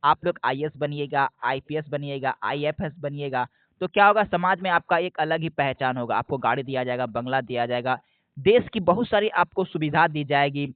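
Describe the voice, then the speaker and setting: Man, high voice, exam coach explaining step by step, dry close phone-line audio. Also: dry recording. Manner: asks a question, then answers it himself; repeats key points slowly. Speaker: exam prep teacher. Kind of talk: explanatory lesson. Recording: dry, phone-like narrow sound.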